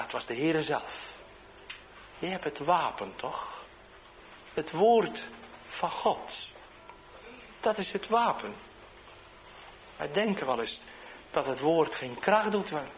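A street evangelist tells his testimony in a lively, up-and-down voice that sits a little high for a man. He swings from loud, emphatic bursts to quiet asides. Faint ambience hangs behind him. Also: a little hiss or hum, low-quality recording. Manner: animated storyteller, swinging between loud and hushed. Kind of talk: storytelling testimony.

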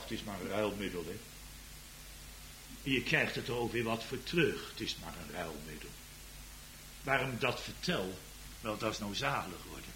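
A man preaching a sermon as pastor, swinging from hushed, intimate talk to loud, impassioned cries. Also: mid-range voice, slight background noise, poor audio.

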